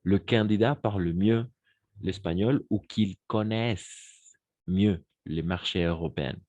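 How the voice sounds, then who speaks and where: Slow, deep-voiced French teacher. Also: male voice, warm tone, no room sound, lo-fi sound. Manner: slow, repeats phrases and switches into Spanish to explain. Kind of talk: online French lesson for Spanish speakers.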